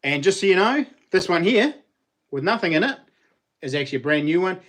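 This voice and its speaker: Male live stream host, broad New Zealand accent, slightly high-pitched voice, casual, matey, slangy. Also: sing-song, brisk, a bit bright. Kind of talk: casual live chat, greeting viewers.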